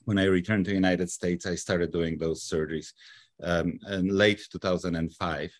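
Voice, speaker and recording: Polish-accented surgeon on a video call, deep voice, dry sound, halting with fillers. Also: male voice, fairly even intonation, dry recording. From Poland. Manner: earnest, halting with many fillers and restarts. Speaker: surgeon guest. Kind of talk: live video interview. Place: office with a poster behind him. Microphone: webcam on a video call.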